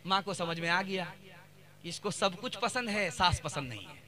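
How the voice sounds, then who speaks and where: A man's voice: sits high, animated, normal speed, sharp tone, a little hiss or hum. A man giving a sermon as a mufti, telling stories with rhythmic repetition. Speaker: mufti giving a religious talk.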